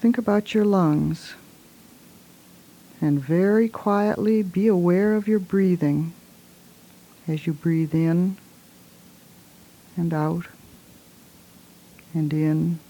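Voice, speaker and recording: A woman leads a guided relaxation in a soft, hushed voice, giving gentle, soothing instructions in short phrases. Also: fairly low pitch, slow, pauses often, muffled recording.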